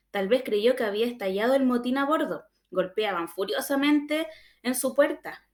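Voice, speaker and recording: A woman reads a children's audiobook aloud. She tells the story plainly in a boy's first-person voice. Her voice sits a little high. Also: darkish tone. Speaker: audiobook reader.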